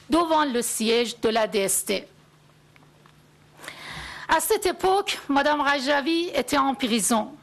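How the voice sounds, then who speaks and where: A woman delivers her testimony at a conference in short, measured phrases. Her voice sits high, and she speaks slowly and solemnly. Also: fairly bright tone. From Iran. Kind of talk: prepared testimony speech.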